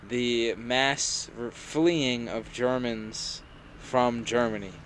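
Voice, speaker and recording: A man's voice: mid-range voice, fairly even intonation, very slow, fairly bright tone, a little hiss or hum. A young man co-hosting a casual podcast, rambling through a hiking story and acting out quoted voices. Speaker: podcast co-host. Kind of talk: casual chat.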